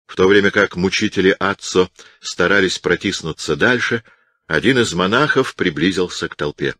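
Deep-voiced man narrating an audiobook. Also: moderate pace, a bit bright. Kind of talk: scripted narration.

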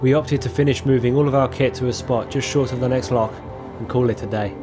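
A filmmaker narrates his own trip in a scripted documentary voice-over, his mid-pitched voice calm and reflective. Each sentence is measured and unhurried, laid over clear music playing underneath.

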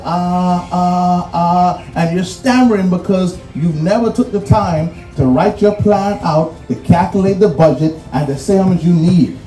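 At a graduation, a Bahamian speaker with a high yet mellow voice preaches his address, hammering numbered points and echoing phrases for weight. He sounds set back from the microphone in a large, reverberant space, faint music playing.

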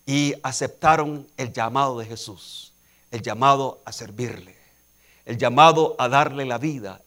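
A man preaching a sermon, telling a personal story and building to emphatic, repeated calls to action. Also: on the high side. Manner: preaching with rising, emphatic repetition; quietly acts out dialogue in anecdotes.

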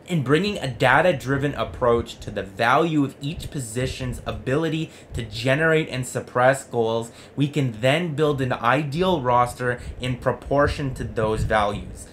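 A young man gives conversational sports commentary, arguing with himself as he explains his point. His voice is mid-pitched and earnest. There is some noise in the room around him. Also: measured pace, hardly any pauses, a bit bright. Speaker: sports vlog host. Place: small home room with jerseys on the wall.

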